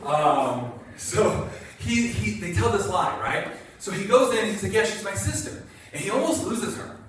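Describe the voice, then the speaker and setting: Male pastor, conversational sermon, slightly high voice, picked up from afar in a booming hall. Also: animated, moderate pace, fairly bright tone. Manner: conversational, acts out quotes, asks the congregation. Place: church sanctuary. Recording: echoey church hall from a distance, faint noise.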